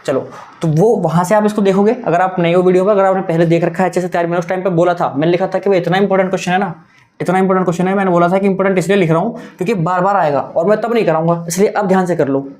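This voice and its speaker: A man's voice: high-pitched, fairly even intonation, very fast, a little mellow. A young adult man teaching a maths exam-prep lesson, talking in a coaxing, repetitive way and mixing in English terms.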